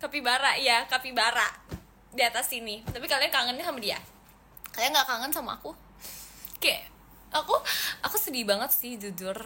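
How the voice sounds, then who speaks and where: A young woman from Indonesia chats casually on a livestream. Her voice sits high and sounds bright and sharp. She is playful and pouty, tossing in English phrases, over a faint hiss. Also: normal speed, long pauses. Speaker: idol livestream host. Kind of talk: casual livestream chat with viewers.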